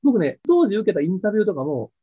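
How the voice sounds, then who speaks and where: A man being interviewed about his acting career, telling stories in a lively way and acting out what others said. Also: high voice, quick pace, breathy edge, no echo. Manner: lively storyteller acting out quoted lines. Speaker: actor interviewed about a past role. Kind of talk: animated interview chat. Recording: dry, tinny phone-like sound.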